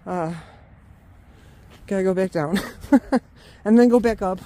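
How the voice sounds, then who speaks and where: Her medium-pitched voice is mellow and unhurried. A vlogger on an outdoor woodland trail, she holds her phone to film, chatting, laughing, and exclaiming often while winded from climbing.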